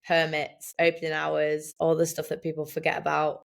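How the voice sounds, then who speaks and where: A woman with a notably low voice runs through practical advice point by point. She is brisk and businesslike in a casual podcast chat. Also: monotone, vocal fry. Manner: brisk, lays out points as a list.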